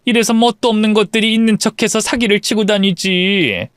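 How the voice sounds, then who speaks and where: A man's voice: high voice, fairly even intonation, fairly quick, a bit bright, smooth, no echo, clean studio sound. A man voicing a contemptuous middle-aged woman, a bully's friend, in a story drama.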